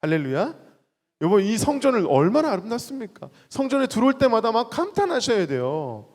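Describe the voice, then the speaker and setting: A man's voice: high voice, fairly quick. A man leading worship and preaching playfully in a church sanctuary, calling out to the congregation and acting out little quotes. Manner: animated, playful, exclaims and acts out quotes. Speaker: worship leader. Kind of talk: lively sermon with audience call-and-response. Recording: reverberant church hall.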